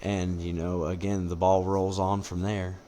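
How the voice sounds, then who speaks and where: A man talking casually as a podcast guest, explaining things in a measured, rambling way. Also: low voice, level tone, mellow, a little hiss or hum. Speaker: interview guest, combat sport competitor. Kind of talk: casual podcast interview chat.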